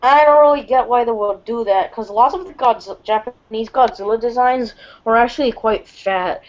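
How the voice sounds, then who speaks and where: A woman's voice: fairly high pitch, normal speed. Hesitant woman on a lo-fi call. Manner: hesitant, full of fillers. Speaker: co-host. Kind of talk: casual chat. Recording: dull lo-fi call, faint noise.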